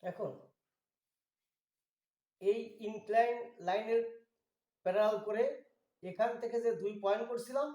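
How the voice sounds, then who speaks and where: A man giving a slow, methodical drawing tutorial, walking through each step. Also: sits high, fairly even intonation, a little mellow, echoey room. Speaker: drawing instructor.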